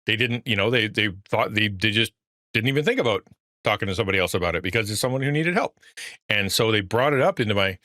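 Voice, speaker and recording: A middle-aged pastor speaks fast and animatedly on a casual livestream, his fairly low voice bright and forceful in clean studio sound with no room tone. Fatherly and earnest, he rambles, restarts, and reads chat messages aloud.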